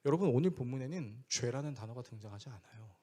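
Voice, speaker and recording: A man's voice: lively intonation, quick pace, mellow. A man preaching a sermon as pastor, speaking conversationally and asking the congregation questions. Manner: acts out quoted voices with big pitch swings.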